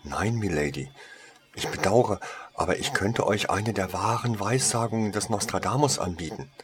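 A man voicing a female wand shop saleswoman who talks with eager, servile flattery in a storybook reading. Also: lowish voice, moderate pace, natural voice.

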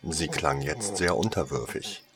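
A man narrating a story in a calm, steady reading voice. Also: rumbling low, a little slow, a crowd in the background.

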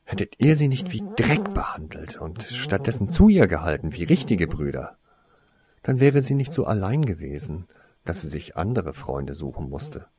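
A man's voice: low-pitched, sing-song, normal speed, darkish tone. A man reading a cheeky teenage wizard boy. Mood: defiant. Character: defiant teenage boy wizard, sharp-tongued.

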